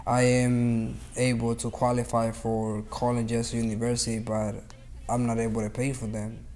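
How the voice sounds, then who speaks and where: Young man, late teens, flat mellow voice, earnest and determined, faint background hiss. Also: mid-range voice, moderate pace. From Honduras. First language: Spanish. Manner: earnest, determined, many fillers. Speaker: student activist. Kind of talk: interview testimony.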